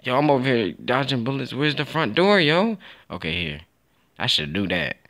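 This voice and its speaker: A young man giving casual, excitable gameplay commentary, trash-talking and laughing as he plays. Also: mid-range voice, moderate pace, gravelly. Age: young adult. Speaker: gaming YouTuber.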